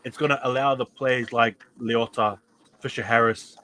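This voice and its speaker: Male host, casual footy preview chat, mid pitch, lots of restarts. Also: fairly even intonation, moderate pace, pushed and bright, poor audio. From New Zealand. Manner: chatty, repeats words and restarts often. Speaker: podcast host.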